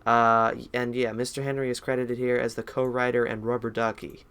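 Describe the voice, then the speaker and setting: A man's voice: mid-range voice, little pitch movement, brisk, fairly bright tone, clean tone. A young man streaming a game, chatting casually in a rambling, self-deprecating way.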